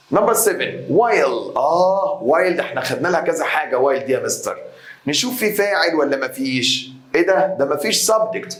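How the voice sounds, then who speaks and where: A man with an Egyptian Arabic accent teaching an English grammar revision lesson, reading example sentences slowly and questioning his students. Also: a little high, a bit bright, echoey room. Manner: explains step by step, switching between Arabic and English example sentences read slowly; addresses students directly with quick questions.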